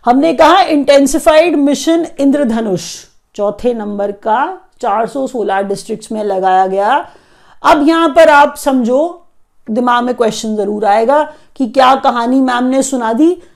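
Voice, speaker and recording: In an exam-prep lesson on current affairs, a woman explains the key facts and goes over them again to help students commit them to memory. Her voice sits high, with vocal fry, and she speaks unhurriedly.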